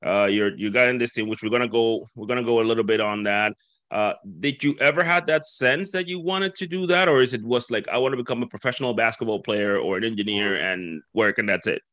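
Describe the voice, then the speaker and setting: A podcast host from the Dominican Republic runs a casual interview, talking in loose run-on thoughts and acting out the voices he quotes. His mid-range voice is brisk and fairly bright, recorded with no echo.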